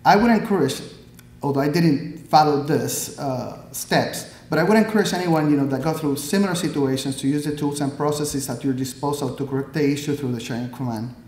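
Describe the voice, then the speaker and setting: In an echoey hall, a thirty-something Army pathologist from Puerto Rico delivers a prepared speech from notes at the podium. He is earnest and measured, with a few fillers, and his voice is a touch high for a man and a little mellow.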